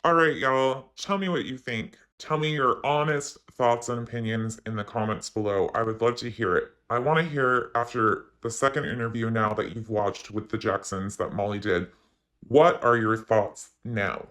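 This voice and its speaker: A man's voice: mid-range voice, fairly even intonation, normal speed, fairly bright tone. A man speaking through a voice changer, hosting an opinionated online commentary and talking straight to his viewers. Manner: opinionated, addresses viewers directly. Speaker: commentary channel host.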